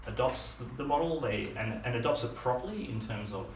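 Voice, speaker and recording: This middle-aged man with an Australian accent gives a conversational conference talk at a meetup, full of fillers and restarts. His medium-pitched voice is expressive and a little fast. Recorded from a distant camera in a dim, echoey meetup room with a projector screen, the audio carries slight background noise.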